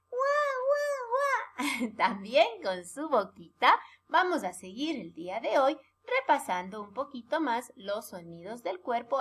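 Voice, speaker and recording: A woman teaching young children in a recorded lesson, talking in an animated, sing-song way and often checking that they follow along. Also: medium pitch, husky. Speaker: preschool teacher.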